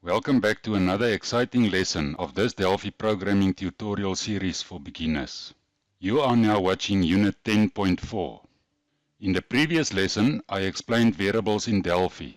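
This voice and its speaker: Low-voiced man, broad Afrikaans South African accent. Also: moderate pace, no echo. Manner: methodical, instructional, carefully explained. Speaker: programming tutorial host. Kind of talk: scripted lesson narration.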